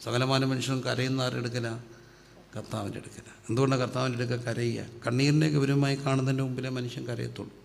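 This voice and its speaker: A man from preaches, his voice gravelly and held in a flat, narrow pitch. He asks questions and answers them himself, bringing his voice down on each answer. The sound carries a long hall reverb over faint background noise. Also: fast talker. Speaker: pastor. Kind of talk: sermon.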